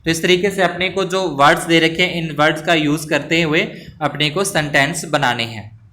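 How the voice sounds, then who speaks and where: A man's voice: a little high, moderate pace, sharp tone, a little hiss or hum. A male teacher patiently explaining test answers, spelling words out letter by letter and mixing in English phrases. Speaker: school teacher.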